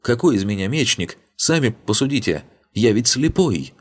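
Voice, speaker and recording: Мужчина изображает хнычущего слепца, молящего о пощаде. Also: male voice, medium pitch, sing-song, moderate pace, pitched above the performer's own voice. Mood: pleading, sobbing. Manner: whimpering, pleading. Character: blind adult man faking tearful, cowardly begging. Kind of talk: audiobook character voice.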